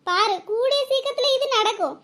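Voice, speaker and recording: A woman's voice: extremely high pitch, moderate pace, background noise. A woman doing a fierce wronged cartoon wife. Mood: defiant. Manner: fierce, scolding, then tender with her children. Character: defiant wronged young wife and mother. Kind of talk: cartoon voice acting.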